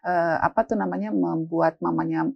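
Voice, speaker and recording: A woman giving casual parenting advice, animated and acting out parents' voices. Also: on the low side, normal speed, gravelly, slightly rough, lo-fi sound. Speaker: parenting expert guest.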